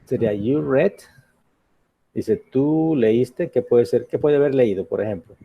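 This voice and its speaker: A man's voice: medium pitch, expressive, normal speed, vocal fry, slightly rough, phone-quality sound. A man teaching an English grammar lesson in Spanish, patiently asking the class questions and checking in with "ok?".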